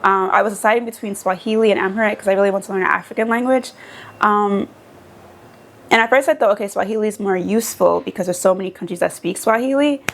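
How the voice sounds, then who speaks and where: A woman's voice: medium pitch, fast, slight background noise. A young woman from the United States talking casually and animatedly in a vlog, with many fillers. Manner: animated, chatty, lots of fillers. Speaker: vlogger. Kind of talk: casual chat.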